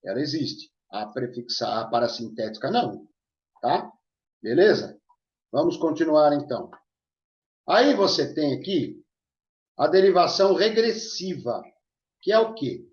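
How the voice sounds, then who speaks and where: A man's voice: on the high side, very animated, unhurried, pauses often, a little mellow. A male teacher explaining grammar in an online lesson, checking in with his students as he goes. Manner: explanatory, checks in with listeners often. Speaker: Portuguese teacher. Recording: echoey room, dull lo-fi sound.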